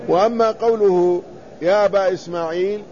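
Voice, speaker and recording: Male scholar, high voice, measured text-reading lesson, dull lo-fi recording. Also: mellow, a little hiss or hum. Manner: measured, deliberate, spells out letters and vowels. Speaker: Islamic scholar teaching hadith commentary. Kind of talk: reading and explaining a classical text.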